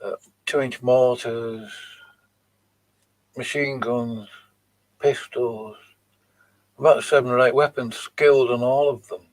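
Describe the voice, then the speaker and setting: Slow, scornful man commenting on clips. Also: mid-range voice, steady tone. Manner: mocking, scornful, dismissive. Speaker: channel host reacting to videos. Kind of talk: live commentary on played clips.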